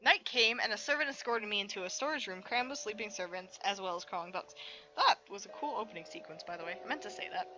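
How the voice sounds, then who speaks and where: A woman with a medium-pitched, animated voice hosts a game preview, speaking quickly and sharply as she expressively reads visual novel text and tosses in chatty, reactive asides. Game music plays behind her, and the audio quality is poor.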